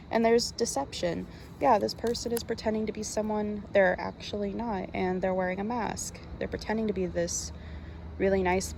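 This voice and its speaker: Creaky-voiced woman giving a casual tarot reading. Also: on the low side, background noise. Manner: chatty, informal and slangy. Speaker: tarot card reader. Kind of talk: casual, conversational tarot reading addressed to the viewer.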